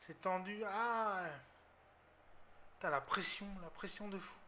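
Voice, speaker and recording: A man's voice: high-pitched, a little fast, slight background noise. A man from France commenting live on his football game, tense and talking through his tactics, with outbursts when things go wrong. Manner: tense, talks through his tactics, bursts into loud outcries. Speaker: gaming video creator.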